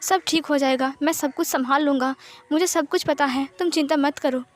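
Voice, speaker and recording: Woman doing a calm protective big brother, high voice, soothing tone, fan story. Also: moderate pace, lightly acted. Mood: reassuring. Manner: soothing, steady reassurance.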